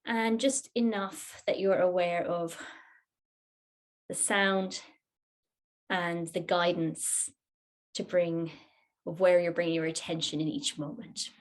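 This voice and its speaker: Her voice on the low side and steady in tone, a yoga nidra teacher guides her class through relaxation. She speaks in a soothing, gentle manner without hurrying.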